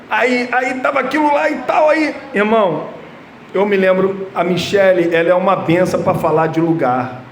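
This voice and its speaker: A man preaching an expository sermon, emphatic and telling personal stories, often repeating himself. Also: high voice. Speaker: pastor. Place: church hall. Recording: echoey church room, faint background noise.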